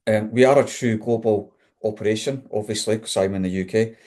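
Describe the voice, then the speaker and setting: Middle-aged male webinar guest, broad Scottish accent, lowish voice, informal professional talk. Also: steady tone, a little fast, dark tone. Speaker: guest, chief technology officer. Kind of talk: informal career introduction in a webinar.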